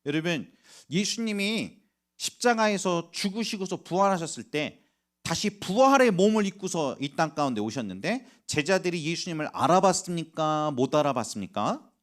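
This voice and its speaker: A middle-aged male pastor preaching a sermon, telling stories with sudden shifts between hushed whispers and loud outbursts. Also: fairly high pitch, big pitch swings, moderate pace. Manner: storytelling, swings from quiet whispers to loud emotional outbursts.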